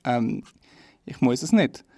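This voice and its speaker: A man's voice: medium pitch, lively intonation, takes it slowly, gravelly, darkish tone, no room sound. A young man with a Swiss German accent, telling dry, self-deprecating stories in casual chat. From Switzerland.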